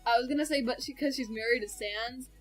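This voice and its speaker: A woman's voice: a little high, fast, soft background music, poor audio. Chatty young woman reacting to videos. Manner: chatty and rambling, with sudden laughs and self-corrections. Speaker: video reactor, channel host. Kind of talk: casual reaction chat with a friend.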